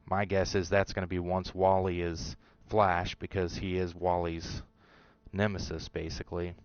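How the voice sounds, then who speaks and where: Low-voiced guy rambling on about show theories, dry kinda dull mic sound. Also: little pitch movement, normal speed, no echo. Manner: speculative, rambling with fillers and restarts. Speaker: show host. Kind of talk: casual commentary on a TV episode.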